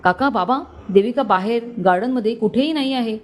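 A woman's voice: on the high side, fairly quick, slight background noise, natural voice. A woman voicing a brash, short-tempered young man who speaks sharply and impatiently, in a storybook reading. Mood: urgent.

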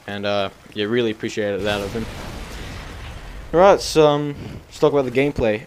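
A man's voice: mid-range voice, normal speed, darkish tone, a little hiss or hum. A young man giving casual, rambling commentary over his own gameplay, full of fillers. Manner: rambling, filler-heavy, chatty.

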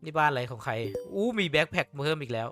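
A man giving casual commentary while he plays a game, excitable and swearing freely as he talks to himself. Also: on the high side, fast talker, over music. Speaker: gamer.

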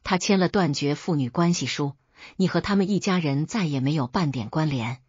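Stepmother in a story: brisk, tender under the edge, voiced by a husky woman. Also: low voice, no echo, highs cut off. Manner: brisk, gently teasing. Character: wealthy stepmother, middle-aged woman, brisk and caring.

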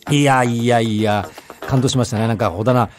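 A man's voice: mid-range voice, fairly even intonation, fairly quick, over music. A man in his sixties from Yamagata, hosting a radio show and chatting casually through listener letters, dropping into Yamagata dialect. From Yamagata, Japan. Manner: chatty, playful, drops into dialect phrases. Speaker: radio host.

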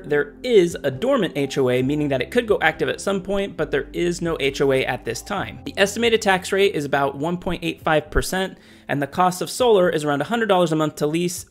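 A man working as a real estate agent reads a scripted update on new home prices and incentives. His voice is on the high side, and he keeps a steady, informative delivery.

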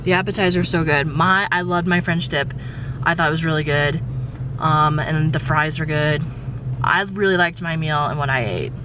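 A woman's voice: deep voice, steady tone, moderate pace, background noise. A woman in her thirties talking casually and cheerfully to a handheld camera while vlogging a camping trip. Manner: chatty, upbeat, laughs easily. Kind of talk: casual travel vlog. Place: outdoors at a campsite, in a car and a restaurant. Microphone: handheld camera at arm's length.

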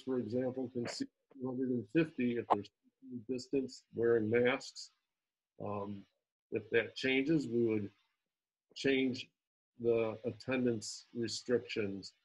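Husky-voiced man presenting over video call. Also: mid-range voice, a little mellow, low-quality recording. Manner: halting, frequent ums and restarts.

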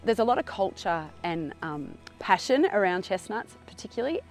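A woman at a roadside stall explaining briskly and enthusiastically. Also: mid-range voice, big pitch swings, faint music behind. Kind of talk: interview.

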